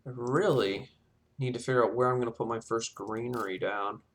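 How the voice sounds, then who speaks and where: A brisk man with a medium-pitched voice and fairly even intonation commentates casually on his own gameplay. He talks himself through every choice, thinking out loud in let's-play fashion.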